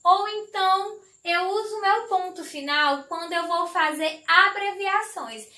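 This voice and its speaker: A woman teacher with a very high, bright voice gives an online grammar lesson. She speaks slowly and affectionately, explaining each point carefully and repeating herself. The recording sounds echoey, as if made in a bare room.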